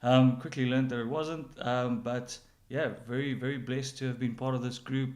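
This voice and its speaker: South African man, medium-pitched, chatting casually. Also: fairly even intonation, normal speed, darkish tone. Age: middle-aged. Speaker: general manager interviewee. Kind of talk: casual interview answers.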